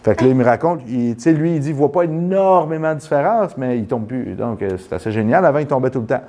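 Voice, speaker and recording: This is a man with a Quebec French accent, pitched right in the middle of the male range. He talks in a loose, animated way, tumbling through restarts as he tells his story. He also coaches someone through a hands-on postural test. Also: fast. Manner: animated, rambling with many restarts. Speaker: postural therapist. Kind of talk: casual storytelling and live demonstration.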